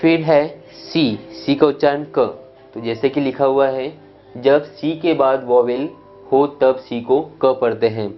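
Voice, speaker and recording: A man teaching English pronunciation, reading out word lists one by one and often checking "clear?" with his students. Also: medium pitch, slow, dull audio, faint music behind. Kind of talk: pronunciation lesson.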